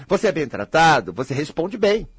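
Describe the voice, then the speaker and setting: A Brazilian self-help speaker lectures in Brazilian Portuguese, his sing-song pitch swinging restlessly from high to low. Blunt and provocative, he scolds his audience like a tough-love coach and mocks their complaints in quick impressions. His husky voice sounds close in a dry, dead room with no echo.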